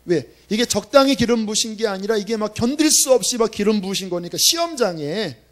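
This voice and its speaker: A man's voice: sits high, lively intonation, fairly quick, a bit bright. A male pastor preaching a sermon at a church service, telling a story in a conversational, emphatic way.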